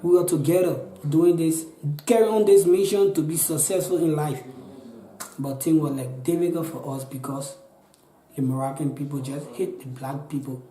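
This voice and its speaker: This Liberian-accented man in his twenties speaks warmly and fairly evenly at normal speed, his voice on the high side. In an interview, he pleads through his personal story, repeating himself and often starting over. The sound is roomy and rough.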